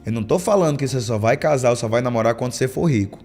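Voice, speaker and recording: A man's voice: mid-range voice, racing, darkish tone, soft background music. A man preaching a sermon as a pastor, telling stories and acting out the lines of church members. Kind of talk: sermon with storytelling.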